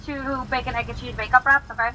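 A woman taking food orders, heard through a drive-thru speaker, briskly repeating the order back. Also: fairly high pitch, fairly even intonation, sharp tone, slight background noise, low-quality recording.

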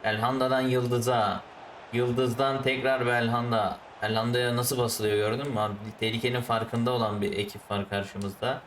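A man commentating his own football video game match, ranting at the referee and the players, then calmly explaining his tactics. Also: mid-range voice, normal speed, echoey room, distant mic, slight background noise. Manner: switches to calm explaining of tactics. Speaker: gaming YouTuber.

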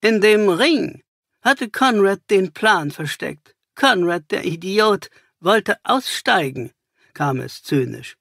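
A man's voice: sits high, lively intonation, slow, creaky, sharp tone, no echo, clean studio sound, pitched above the performer's own voice, heavily acted. A man putting on a hard, cynical criminal woman. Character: cold cynical female criminal scientist.

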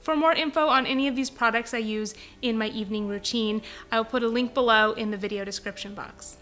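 A woman's voice: a little high, steady tone, fairly quick. A young woman hosting her home vlog, upbeat, friendly and chatty. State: pregnant. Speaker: vlogger host. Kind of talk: cheerful vlog talk and voice-over narration. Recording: soft background music.

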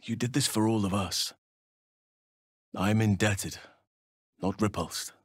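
A wise druid from a fantasy video game speaks gently yet solemnly, with a wild streak underneath, in formal, earnest, measured sentences. His fairly low voice holds a steady tone and is recorded close and dry with no room sound, in a solemn, thoughtful mood.

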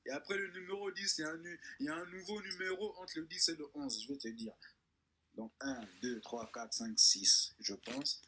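A man from Congo with a French suburban accent, chatting in a joking, playful way and often jumping into a high voice for effect. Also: brisk, bright, forceful tone, a little hiss or hum. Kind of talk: joking casual chat.

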